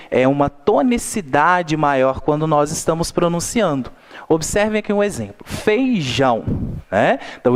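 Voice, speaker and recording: A teacher giving a slow, patient lesson to children in Brazilian Portuguese, checking in often with short tag questions. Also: mid-range voice. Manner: patient, explaining slowly with frequent "né?" tags.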